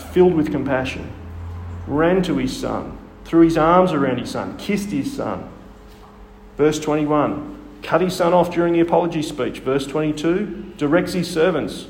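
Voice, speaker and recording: Preacher, animated storyteller, fairly high voice; recorded in a reverberant hall. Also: male voice, slight background noise. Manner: storytelling, rhetorical questions. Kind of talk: sermon. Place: church hall. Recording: echoey hall with long reverb.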